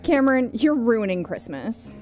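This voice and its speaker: A woman's voice: fairly high pitch, sing-song, moderate pace, dark tone, soft background music. A woman co-hosting on radio, reading a comedy skit with teasing comebacks. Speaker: radio co-host.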